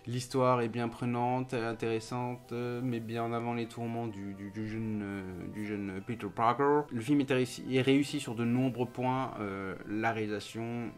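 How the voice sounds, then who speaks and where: A man's voice: medium pitch, fairly even intonation, moderate pace, few pauses, soft background music. A man giving a casual, hesitant film review, full of fillers and restarts.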